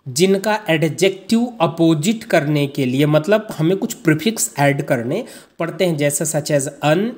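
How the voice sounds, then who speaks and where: A teacher explains slide after slide in an online lesson. The rules come out slowly, almost word by word, and the word pairs are read as a steady list. The teacher keeps turning to the viewers as friends. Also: medium pitch. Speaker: English teacher.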